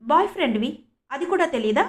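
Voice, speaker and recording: A woman voicing a sharp-tongued young student who answers back defiantly and firmly. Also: high-pitched, expressive, fairly quick, voice pushed up. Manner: cutting, defiant, retorting. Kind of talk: audiobook character reading.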